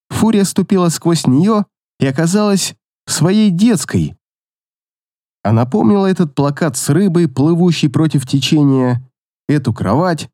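A man narrating a fantasy audiobook in a dramatic, expressive reading. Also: on the high side, dry recording, studio quality.

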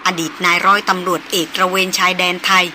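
A woman narrating a novel as an audiobook in an even, measured storytelling manner. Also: fairly low pitch, background noise.

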